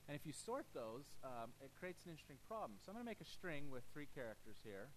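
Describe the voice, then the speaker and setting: At a lectern in a lecture hall, a middle-aged man gives a technical conference talk, casually thinking aloud through a live demo and frequently restarting sentences. His slightly high voice is very animated and fast, on a low-quality recording with slight background noise.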